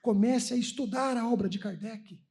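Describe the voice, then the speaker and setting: High-pitched Brazilian man, lively storytelling lecture. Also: moderate pace. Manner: animated storytelling, acting out dialogue. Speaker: spiritist lecturer. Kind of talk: sermon-like talk with personal stories. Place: lecture hall at a religious conference.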